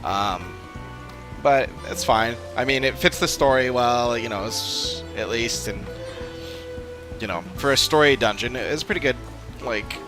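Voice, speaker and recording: Game music runs under a man's unscripted chatter as he streams an online role-playing game live. Medium in pitch and measured in pace, he rambles casually while thinking aloud.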